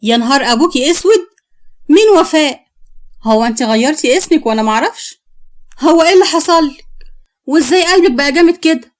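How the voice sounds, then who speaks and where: A dramatic older Egyptian mother-in-law who exclaims and needles, played by a woman storyteller. Her voice sits high and rises sharply on her outbursts. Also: lively intonation, a little fast. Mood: shocked. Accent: Egyptian Arabic. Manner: exclaiming, shrill, sly.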